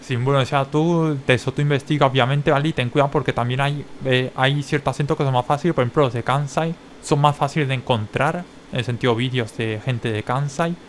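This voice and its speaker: A man with a Spain Spanish accent talks casually to his viewers. His explanations wander, and he checks in with the listener after nearly every phrase. His voice sits at a middle pitch over a faint background noise. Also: fairly quick, few pauses. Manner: rambling, tags many phrases with a questioning check. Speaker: language-learning vlogger.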